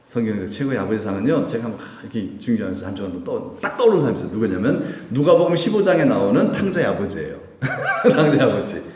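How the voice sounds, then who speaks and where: A man's voice: mid-range voice, very animated, quick pace, a little mellow. A man preaching a Sunday sermon, putting questions to the congregation as he goes. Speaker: pastor. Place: church sanctuary. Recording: echoey church hall with long reverb.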